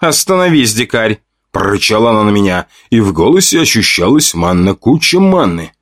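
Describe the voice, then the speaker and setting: A man's voice: on the low side, big pitch swings, a little fast, dry recording. A man narrating a first-person audiobook in a coarse, mocking manner full of slang, on a close mic.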